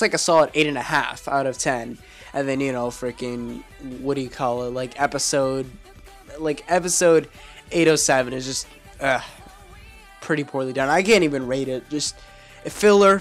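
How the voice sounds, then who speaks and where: A man reviewing an anime episode in a casual video, his voice hoarse from being sick, rambling with lots of fillers and restarts. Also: fairly high pitch. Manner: rambling, filler-heavy, self-correcting.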